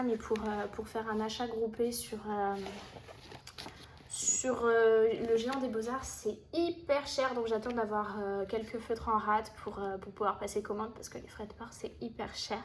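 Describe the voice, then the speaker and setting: A woman's voice: fairly high pitch, slight background noise. A woman chatting casually to camera about her finished coloring pages, with many fillers and restarts. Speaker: coloring hobby vlogger.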